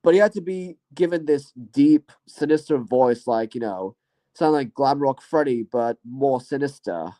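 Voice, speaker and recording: A man's voice: mid-range voice, animated, a little slow, dark tone. A man hosting his own channel, talking through his year and reviewing movies in a casual, rambling way, hedging often and trailing off. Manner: rambling and hesitant, full of "you know" and "I guess". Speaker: channel host.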